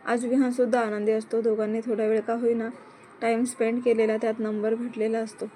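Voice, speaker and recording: Woman, story narrator, mellow dark tone, even measured delivery, scripted reading. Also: on the high side, a little hiss or hum.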